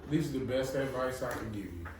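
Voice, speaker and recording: A blunt podcast co-host from New Orleans, Louisiana, chats casually and hands out blunt advice in an echoey room. His medium-pitched voice is expressive and a little fast, picked up by a distant mic over a noisy background. He comes across as profane, emphatic, and motivational.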